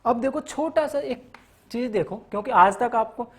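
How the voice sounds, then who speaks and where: A man with an extremely high, slightly bright voice teaches maths at a moderate pace in a classroom lecture. He goes through the topics one by one, listing them, mixing in English terms and checking in with students with a frequent "theek hai na."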